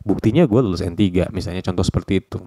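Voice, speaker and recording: A man teaching Japanese in a relaxed, casual online lesson, repeating phrases and dropping slangy asides. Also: low voice, rapid-fire, no room sound, studio quality.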